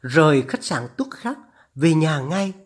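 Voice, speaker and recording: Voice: mid-range voice, very animated, a little slow, breathy edge. A narrator voicing an anxious older mother on the phone, her trembling voice urgent and scolding as she pleads.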